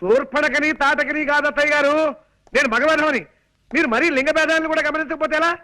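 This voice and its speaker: High-voiced comic suitor. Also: male voice, steady tone, fast talker, pushed and bright, rough recording. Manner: mock-dramatic, wordy, wisecracking. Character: fussy lovestruck young man, comic suitor. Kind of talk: film comedy dialogue.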